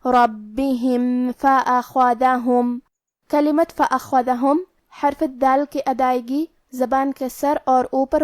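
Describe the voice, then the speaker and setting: A woman's voice: high voice, darkish tone, no echo. A woman teaching Quran recitation rules, explaining each letter and its rule methodically, step by step. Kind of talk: tajweed lesson.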